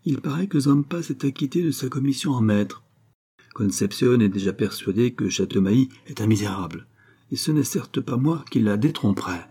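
A man's voice: medium pitch, animated, moderate pace, warm tone, breathy edge. A man voicing a cunning impostor nobleman who feigns sadness and surprise. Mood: sly. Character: cunning male impostor nobleman, smooth liar.

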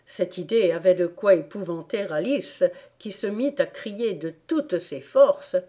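Slow, mellow woman narrating an audiobook. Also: medium pitch, animated, slightly rough. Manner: measured, deliberate storytelling. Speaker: audiobook reader. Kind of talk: scripted narration.

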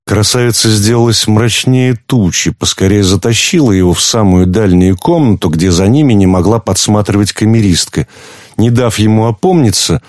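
A man narrating an audiobook in a measured, literary way. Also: on the low side, a little mellow, no room sound, studio quality. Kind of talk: audiobook reading.

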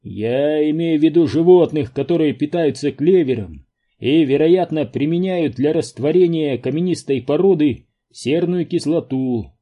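A man's voice: a little high, normal speed, highs cut off, pitched above the performer's own voice, close to an everyday voice. A man doing a cocky, thrilled scientist. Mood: explaining.

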